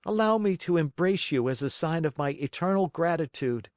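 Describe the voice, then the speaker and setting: A man's voice: fairly high pitch, lively intonation, moderate pace, dry recording, clean studio sound, voice pushed up, lightly acted. Man voicing an eager wooden boy puppet. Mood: grateful.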